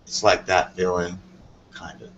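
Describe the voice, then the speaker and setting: Speaking slowly and in a monotone, this man has a low, slightly bright voice. He's a tarot reader on a call-in show who rambles through off-the-cuff explanations, often checking he's understood with "you know what I mean," and the audio is dull, lo-fi, and noticeably noisy.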